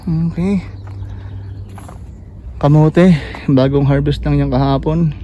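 A man giving a casual walk-through tour of his backyard vegetable garden, relaxed and pointing things out with many fillers, a little out of breath. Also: on the high side, takes it slowly, a little hiss or hum. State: slightly out of breath after jogging. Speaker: gardening vlogger.

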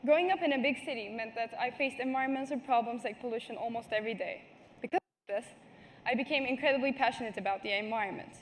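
A woman's voice: a little high, fast, a little hiss or hum. A teenage girl from Turkey giving a prepared talk on a large stage, earnest, with small restarts and apologies. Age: teens. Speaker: student speaker. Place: large stage before a seated audience. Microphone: headset mic.

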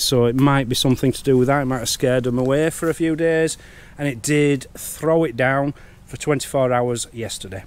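Casual male wildlife vlogger, mid-pitched, chatty and eager, recorded outdoors in woodland. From United Kingdom. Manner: chatty, easily excited. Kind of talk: casual outdoor vlog narration.

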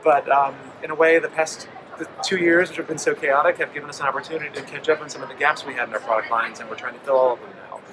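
A man in his forties, speaking a little high in a steady tone and at a racing pace, explains his company's products with frequent ums during a trade show interview. The interviewer holds a handheld mic amid the noise of a busy indoor convention hall.

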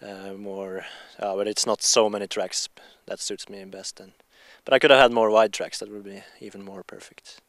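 A man's voice: on the low side, little pitch movement, moderate pace, hardly any pauses, a bit bright, dry recording. A young man from Norway talking outdoors in the snow after a race, upbeat, in short sentences. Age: young adult. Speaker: athlete interviewed after a race. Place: outdoors in snow by wooden buildings.

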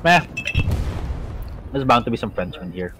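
A man reacts in short bursts while playing a war shooter with friends. His pitch moves around a lot. Faint game gunfire sits behind him. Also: sing-song, moderate pace, noisy background. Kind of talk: casual gaming chat.

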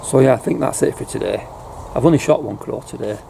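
A middle-aged man with a gravelly, warm voice talks quickly to the camera about airgun pest control. He's in a farm building loft indoors, with noisy outdoor-farm sounds around him, and his manner is relaxed and chatty, peppered with "you know."

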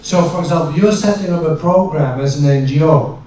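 A man's voice: on the high side, a little fast, dark tone, slight background noise. An older man giving a lecture with a handheld microphone, reflective and explanatory. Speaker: presenter. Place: conference hall. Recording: very echoey hall from far off.

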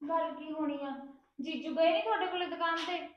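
A woman's voice: extremely high pitch, steady tone, moderate pace, reverberant, dull audio. A woman playing a defensive, chatty younger sister who complains to her husband.

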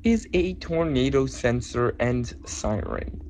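A man earnestly planning projects out loud while playing a game with friends. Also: medium pitch, slow pace. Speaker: game player. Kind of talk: casual gameplay banter.

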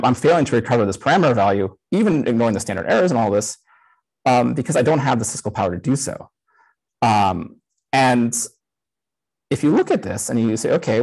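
A man's voice: mid-range voice, darkish tone, breathy edge, poor audio. A man in his thirties giving a casual conference talk over a video call while live coding, talking through a headset with frequent "um" fillers. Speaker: conference speaker.

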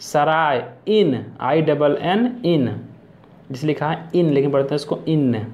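Slow, deliberate male English teacher. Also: on the high side, animated, a little mellow, lo-fi sound. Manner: slow, reads a word then its English match, often repeats it. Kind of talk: vocabulary lesson reading word pairs.

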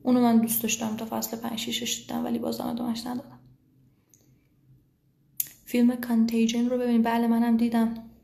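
A woman's voice: fairly high pitch, completely flat delivery, gravelly, warm tone. Chatty Persian woman teaching in an echoey room. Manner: chatty, switches to slow careful English words. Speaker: English teacher. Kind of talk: live online class answering viewer questions.

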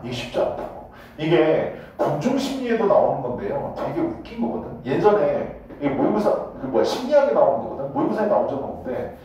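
A man teaching a high school English class in a blunt, joking way, swearing casually and often checking whether the students follow. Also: darkish tone, slight background noise. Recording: echoey classroom from a distance.

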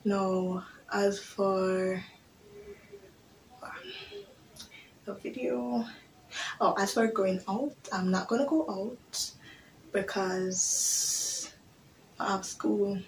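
A woman's voice: medium pitch, extremely slow, pauses often, slight background noise, low-quality recording. Chatty young woman. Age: 20s. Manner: chatty, candid and rambling, with creole-flavored grammar. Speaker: vlogger. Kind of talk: casual chat to camera. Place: small bedroom indoors. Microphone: device camera on a desk.

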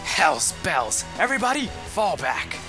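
A man's voice: sits high, big pitch swings, measured pace, music in the background, voice pushed up, exaggerated voice. A man voicing a bold, blustering old grandfather warrior from a video game, exclaiming and commanding. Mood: urgent command.

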